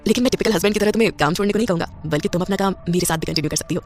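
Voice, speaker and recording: A woman's voice: medium pitch, expressive, racing, soft background music, close to an everyday voice. Woman voicing a proud young businessman hero. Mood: thoughtful.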